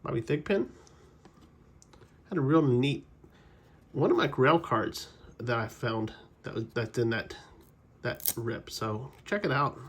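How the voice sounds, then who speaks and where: Opening trading card packs on his collecting channel, this man speaks slowly in a mid-range, slightly bright voice with a breathy edge, leaving long pauses. He chats casually, drifting into player trivia asides and correcting himself along the way.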